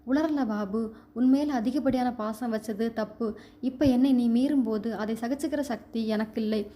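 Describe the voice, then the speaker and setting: A woman's voice: fairly high pitch, unhurried, warm tone, lightly acted. A woman voicing a stubborn middle-aged mother who presses her son emotionally, read in a storybook telling. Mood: insistent.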